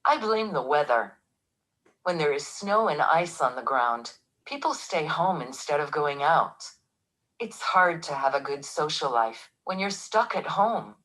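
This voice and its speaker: A woman's voice: low voice, sing-song, unhurried, a bit bright, heavily acted, rough recording. A woman playing a gloomy woman who complains about cold winters, in a scripted textbook dialogue recording. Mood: complaining.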